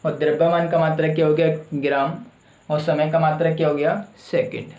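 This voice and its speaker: Guy teaching a class, asks then answers his own questions, kinda high voice, echoey room. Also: little pitch movement, brisk, a little mellow, muffled recording. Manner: asks a question, then answers it himself, repeating key terms. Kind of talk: classroom lecture with call-and-response questions.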